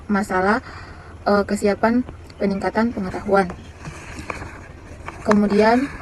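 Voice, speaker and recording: A woman reads through a nursing care plan item by item, stumbling and restarting as she goes. Her pitch barely moves, giving a monotone, list-like delivery. Faint traffic noise sits behind her voice. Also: poor audio. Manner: halting, with many fillers and restarts.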